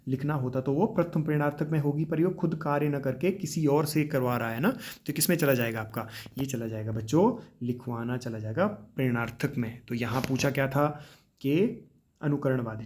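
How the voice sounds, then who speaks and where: A man's voice: mid-range voice, normal speed, a little mellow. Guy teaching exam-prep grammar, step by step, keeps asking "right?" and calling the class kids. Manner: explains step by step, addresses students as children, repeats with tag questions.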